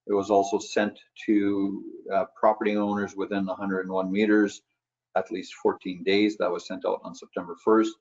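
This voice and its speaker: A man's voice: deep voice, level tone, moderate pace, a little mellow, muffled recording. A man on municipal staff reporting procedure to council, hesitant and full of fillers.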